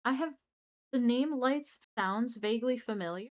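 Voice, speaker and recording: A woman's voice: fairly high pitch, measured pace. Chatty young woman streaming late at night. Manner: rambling and chatty, with frequent restarts and asides to chat. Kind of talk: casual livestream chat.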